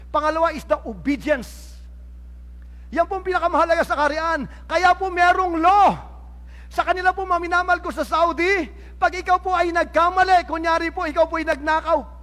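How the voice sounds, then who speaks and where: A man's voice: very high voice, a bit bright, big-room sound. A Filipino-accented male pastor preaching a sermon to his congregation, slipping English phrases into his talk and asking "no?" again and again to keep the room with him. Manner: mixes English phrases, often says "no?" and "mga minamahal ko".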